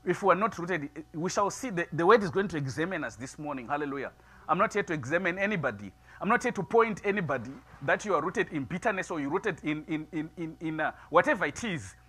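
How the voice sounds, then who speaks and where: A middle-aged man preaching a sermon in a small church, moving from quiet musing to loud, emphatic preaching. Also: on the high side, lively intonation, fast, slightly rough. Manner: builds from soft musing to loud preaching, gestures widely. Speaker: pastor. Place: small church sanctuary, seated before altar flowers.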